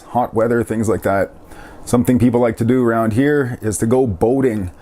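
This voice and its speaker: A man giving a casual language lesson, repeating each word slowly and joking lightly as he explains. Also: mid-range voice, warm tone. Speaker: language teacher.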